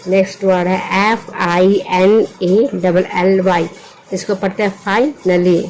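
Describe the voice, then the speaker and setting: Woman teaching english words letter by letter, warm mellow voice, patient, keeps asking what it spells, faint background hum. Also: medium pitch, fairly even intonation, slow pace, rough recording. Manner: patient, repeats words and asks "what happened?" before giving the answer.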